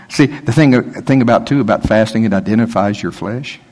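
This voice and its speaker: A male pastor delivering a sermon in a loose, conversational way. His voice is husky and slightly rough, and he sits at a middle pitch. He keeps a joking tone throughout. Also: a little mellow.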